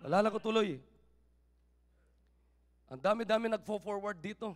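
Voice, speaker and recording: A male pastor preaching a sermon, mixing Tagalog with English scripture quotes and rising to shouts. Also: high voice, normal speed, long reverb tail. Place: church sanctuary.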